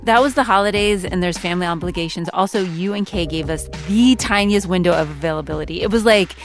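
A woman's voice: fairly low pitch, fast, faint music behind. An American woman co-hosting a podcast, moving between playful, casual chat and conversational presenting. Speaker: podcast co-host.

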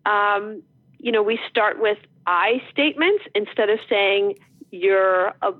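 A middle-aged woman from New Jersey, an author guest telling stories in a lively, animated way with quick restarts. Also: mid-range voice, no echo. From New Jersey, USA. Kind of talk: casual interview chat. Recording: tinny phone line, dry.

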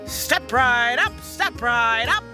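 Carnival barker, played by a woman: showy, gleeful, drawn-out theatrical hawking, very animated pitch, music underneath. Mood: grandly hawking. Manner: drawn-out, booming proclamations. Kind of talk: theatrical comic sketch acting. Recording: music behind the voice.

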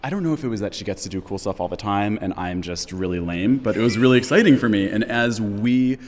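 A man's voice: on the low side, fast, in a large hall, a little hiss or hum. A man talking casually and enthusiastically as an interview guest, rambling with lots of likes. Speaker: podcast host and guest.

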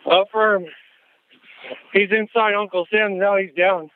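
A man's voice: high-pitched, steady tone, unhurried, no echo. A male police officer making terse coded calls over a police radio. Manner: terse radio call codes. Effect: police radio transmission. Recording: tinny crackly police radio.

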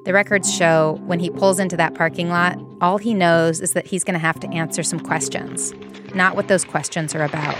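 A woman with a low voice narrates an investigative documentary. Her delivery is measured and matter-of-fact, clearly scripted storytelling. Faint music plays underneath. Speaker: narrator and reporter.

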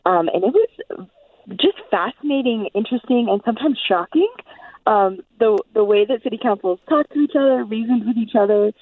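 A woman's voice: a little high, fairly quick, no room sound. A talkative woman phones in to a radio show and tells her story with plenty of "um"s. Her voice comes through a thin, narrow phone line from a distance, with a dry sound. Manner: chatty, animated, many fillers. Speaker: caller. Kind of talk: call-in radio talk. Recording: tinny phone line from afar.

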